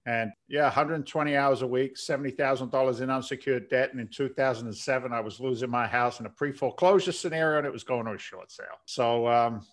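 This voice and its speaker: A man's voice: mid-range voice, fast talker, few pauses. A middle-aged man from London, guesting on a podcast and talking in a chatty, folksy way. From London, England. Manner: chatty and folksy, calls the host "man" and "my friend". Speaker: podcast guest, real estate investor. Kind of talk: casual interview talk.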